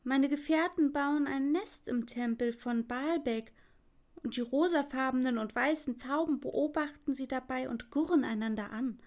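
A woman voicing a soft-hearted female swallow in a storybook reading, raising her voice for the bird. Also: high voice, moderate pace. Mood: wistful. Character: gentle, tender female swallow.

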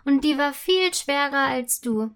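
A woman voicing a small, cheerful female candy cane with a high voice, kind and helpful. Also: expressive, measured pace, a bit bright, heavily acted.

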